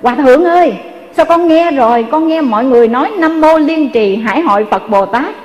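A woman's voice: high-pitched, animated, a little slow, muffled recording. A woman with a Southern Vietnamese accent voicing a devout elderly woman who pleads for help, in a reverberant hall. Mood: pleading.

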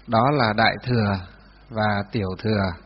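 A man teaching a class on Buddhist doctrine, dictating slowly, repeating each phrase for note-taking and asking his students questions. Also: fairly low pitch, fairly even intonation. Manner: asks students rhetorical questions. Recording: dull lo-fi sound with long hall reverb.

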